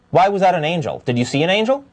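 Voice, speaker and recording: Blunt, incredulous co-host with swooping pitch. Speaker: co-host of a call-in show. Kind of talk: argumentative unscripted talk with a caller.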